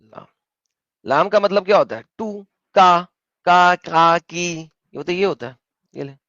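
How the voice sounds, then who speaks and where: A man hosting an argumentative online debate, pressing his opponent with questions and spelling his points out slowly over a call. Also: sits high, a bit bright, no room sound, muffled recording.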